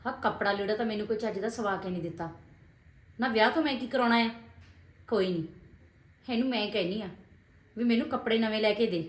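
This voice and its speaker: An actress playing a discontented young bride who insistently complains and demands things. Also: female voice, medium pitch, reverberant, lightly acted. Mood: meek. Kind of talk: village family drama acting.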